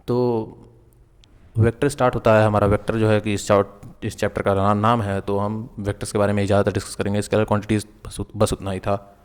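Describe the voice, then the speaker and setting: Guy teaching physics online, flat even delivery, kinda echoey hall sound, keeps asking if u got it. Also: on the low side, fast, smooth. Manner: explains step by step, often checks in with the viewer; mixes English terms and sentences into Hindi. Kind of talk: online lecture.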